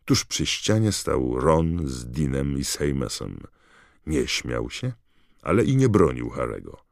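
Very deep-voiced male audiobook narrator. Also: big pitch swings, creaky, dry recording, clean studio sound. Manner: measured, storytelling. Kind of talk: scripted narration.

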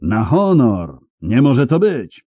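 Casting: man playing a blustering knight, loud, slow and pompous, with lots of swing in his voice. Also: big pitch swings, breathy edge, no echo, phone-quality sound, heavily acted. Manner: booming, slow, pompous drawl. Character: boastful blustering male knight baron.

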